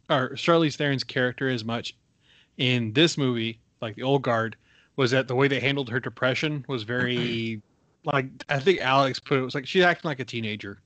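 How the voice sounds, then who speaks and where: A man's voice: mid-range voice, fairly bright tone, dry recording. A man talks through a film he loves in loose, rambling podcast chatter. His mid-range voice sits close and dry on the mic, with plenty of fillers and restarts. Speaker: podcast co-host. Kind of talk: casual chat.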